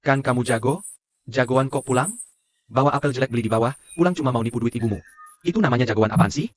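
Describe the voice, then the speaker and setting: A man's voice: medium pitch, fast talker, close to an everyday voice. An actor dubbing a scornful, quarrelsome father who mocks and scolds his family. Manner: mocking, scolding. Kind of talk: dubbed drama dialogue.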